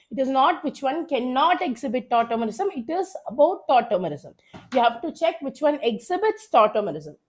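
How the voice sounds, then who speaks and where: During a live online revision class, a woman who teaches chemistry encourages her students along, her high-pitched, South Indian-accented voice hoarse with a cold. She has a habit of repeating brief phrases for emphasis.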